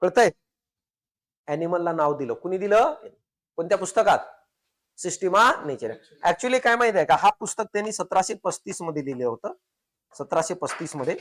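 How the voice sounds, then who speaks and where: A man teaches a class in a fairly high voice. He fires rhetorical questions at his students and stretches out each technical term, repeating it slowly. He lightens the lesson with joking everyday examples. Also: lively intonation, a bit bright. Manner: slows down and repeats technical terms syllable by syllable; casual, joking street examples. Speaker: science teacher for competitive exams. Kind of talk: classroom lecture.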